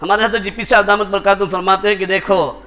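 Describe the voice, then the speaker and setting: High, bright-voiced Urdu preacher man. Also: level tone. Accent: Indian Urdu. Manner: rhetorical questions, repeated tag questions. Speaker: mufti preacher. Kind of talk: sermon.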